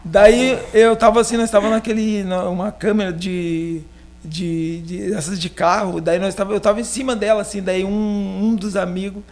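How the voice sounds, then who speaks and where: A pastor with a Rio Grande do Sul accent from southern Brazil is interviewed on a podcast, where he casually rambles through a personal story full of fillers. His voice is high-pitched and a little mellow, delivered flatly at a moderate pace.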